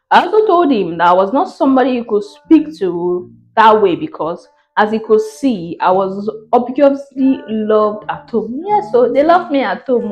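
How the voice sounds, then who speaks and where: A woman's voice: medium pitch, darkish tone, dull audio. A Nigerian woman reading a viewer's relationship story aloud and reacting to it in an outspoken, sassy way. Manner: sassy, outspoken, quick to laugh. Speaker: relationship advice vlogger.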